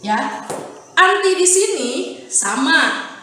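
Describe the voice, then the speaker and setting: Indonesian lady teacher, slow singsong lesson, high voice, really echoey recording w faint hiss. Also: big pitch swings, pushed and bright, recorded from a distance. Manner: slow, sing-song teaching with long pauses. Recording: heavy room echo, faint background hiss.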